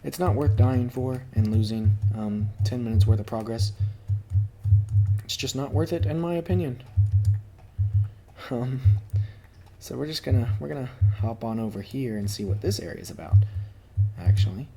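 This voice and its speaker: A man's voice: medium pitch, normal speed, gravelly, long pauses, mellow, soft background music. A man giving casual, chatty commentary while playing a video game at home, joking about his own skill and talking to his cat. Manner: chatty, self-deprecating, talks to his cat. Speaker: gaming YouTuber. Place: home room.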